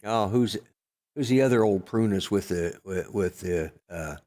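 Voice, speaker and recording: An older man co-hosting a podcast, chatting casually in a gruff, rambling way with lots of fillers and restarts. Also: lowish voice, normal speed, warm tone. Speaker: podcast co-host. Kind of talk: casual chat.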